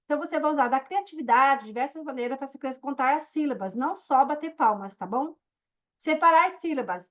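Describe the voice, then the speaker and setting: A woman's voice: sits high, highs cut off. A woman teaching a recorded online course, explaining step by step and often checking in with her listeners. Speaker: course instructor.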